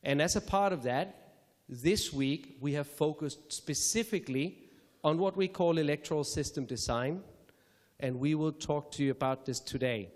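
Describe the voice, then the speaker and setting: A man's voice: on the high side, a little mellow. Man from Denmark speaking in an echoey lecture hall. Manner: measured, careful phrasing with occasional self-corrections. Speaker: speaker introducing a public lecture. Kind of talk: formal opening remarks at a lecture.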